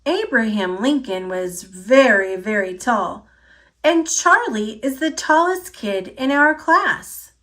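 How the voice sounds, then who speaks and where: A woman reads a children's picture book aloud, her narration deliberate, expressive, and clearly phrased. Her voice sits on the high side.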